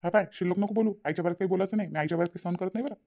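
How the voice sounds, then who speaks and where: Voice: mid-range voice, very fast, vocal fry. A performer voicing a stubborn, hot-tempered adult son in a cartoon, with a Vidarbha Marathi accent. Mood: scolding. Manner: scolding, stubborn. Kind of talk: cartoon voice acting. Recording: dull lo-fi recording.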